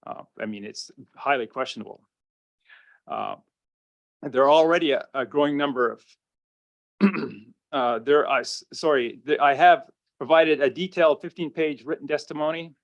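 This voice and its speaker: A man's voice: on the high side, moderate pace, pauses often, highs cut off. A man giving formal, concerned testimony at a public hearing, often stumbling over his words.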